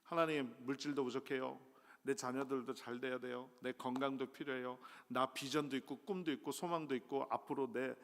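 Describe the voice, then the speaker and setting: Gravelly-voiced preacher in a reverberant church. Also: male voice, medium pitch, steady tone, a little fast. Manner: conversational, self-deprecating preaching with sudden loud rises. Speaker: guest pastor. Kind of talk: sermon. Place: church sanctuary. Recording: long church hall reverb.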